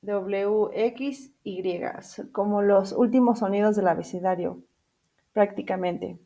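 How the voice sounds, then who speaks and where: A woman teaches an English grammar lesson in two languages, spelling out letters, repeating each example and asking her class questions to check in. Her mid-range voice is steady, slow and mellow.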